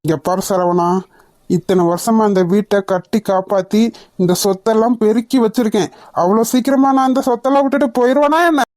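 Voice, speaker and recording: A woman voicing a greedy, threatening older uncle in a cartoon, talking low and slow. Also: steady tone, darkish tone, no room sound, studio quality, lightly acted. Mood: scornful. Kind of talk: cartoon dubbing.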